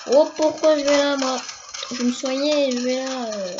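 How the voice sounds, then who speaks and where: A woman giving casual, chatty commentary over her gameplay, excitable and quick to repeat words in bursts. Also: sits high, background noise. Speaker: gamer. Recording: dull lo-fi recording over game music. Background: loud game music.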